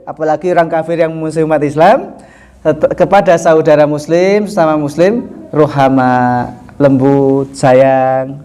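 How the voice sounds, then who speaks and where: A man teaching a religious lesson in a relaxed, conversational way, with rhetorical questions, frequent chuckles and slowly recited Arabic lines. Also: a little high. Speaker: Islamic teacher. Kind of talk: sermon.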